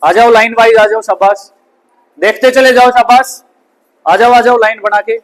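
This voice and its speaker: Male classroom science teacher with a very high voice, who quizzes the class and answers his own questions. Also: fairly even intonation, normal speed, low-quality recording. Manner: asks the class questions and answers them himself; often ends lines with "bhai". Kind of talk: classroom physics lesson. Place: school classroom.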